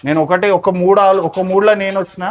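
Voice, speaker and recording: A man's voice: high voice, steady tone, quick pace, lo-fi sound. A man, talking earnestly and pleadingly in an emotional on-camera conversation. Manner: earnest, pleading, often subdued. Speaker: regular of the show.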